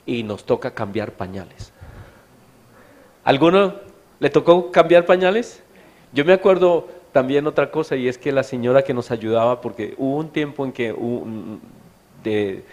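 A man's voice: medium pitch, moderate pace, darkish tone. A middle-aged Colombian man preaching a sermon in a church meeting hall, telling stories in a chatty way and asking the audience questions. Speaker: pastor.

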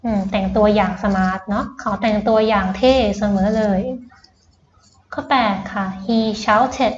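A woman's voice: mid-range voice, slow, a little hiss or hum. A woman tutor giving a patient lesson, quizzing her student step by step and mixing English words into her explanations. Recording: roomy, dull lo-fi sound.

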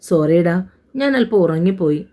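A woman's voice: fairly low pitch, lively intonation, moderate pace, warm tone, natural voice. A woman voicing a touchy, irritable young male doctor in a romance audio story. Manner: curt, irritable.

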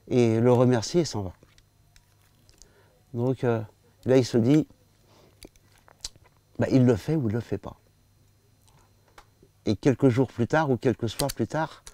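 Older male storyteller, mellow dry voice, hesitant and lively. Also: medium pitch, no echo. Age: 60s. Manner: lively, hesitant with many fillers. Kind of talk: spoken storytelling. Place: small venue.

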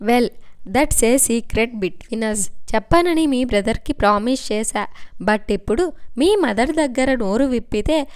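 Storybook figure: a smug, menacing young man, read by a woman, clear and fairly high. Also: lively intonation, slow, darkish tone, no echo, clean studio sound. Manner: teasing, then menacing.

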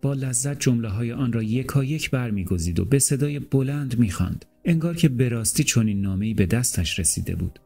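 A man narrates a literary audiobook in a calm, measured, deliberate reading. His voice is mellow and dark, sitting at an ordinary middle pitch. Faint music plays softly underneath. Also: vocal fry.

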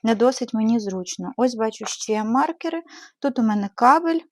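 A woman's voice: fairly high pitch, lively intonation, normal speed, a little mellow, no echo, clean studio sound. A woman from Ukraine chatting casually as she shows her knitting supplies in a vlog, with frequent hesitant fillers and fond diminutives. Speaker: knitting channel host. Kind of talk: casual show-and-tell vlog.

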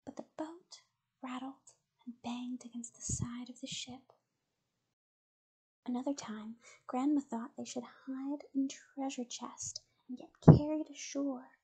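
A woman narrating a bedtime story in a soft, mostly whispered voice. She reads slowly, and her high voice has a mellow, dark tone. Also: steady tone, husky, rough recording.

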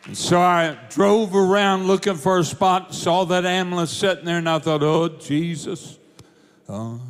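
A man preaching, telling a testimony in a fervent storytelling manner. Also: high voice. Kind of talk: sermon testimony.

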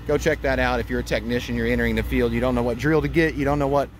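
A man's voice: mid-range voice, fairly even intonation, racing. A man in his thirties, an HVAC technician, casually talking viewers through a rooftop unit repair while he works. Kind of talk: casual on-the-job instruction. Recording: outdoor traffic noise behind.

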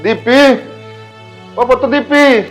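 An actor playing a calm, protective middle-aged father who soothes his crying daughter. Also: very high-pitched, takes it slowly, faint music behind. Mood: soothing. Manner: soothing, patient. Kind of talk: short film drama.

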